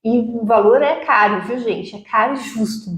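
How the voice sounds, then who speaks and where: A woman's voice: a little high, moderate pace. A woman hosting an interview, asking questions and chiming in with short agreeing remarks. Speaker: interview host. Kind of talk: casual interview. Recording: echoey room.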